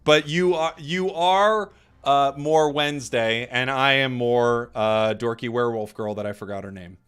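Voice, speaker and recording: A man's voice: medium pitch, a little slow, fairly bright tone, smooth. A man casting an esports stream, trading joking, teasing banter with his co-host. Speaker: esports caster. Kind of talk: casual esports commentary.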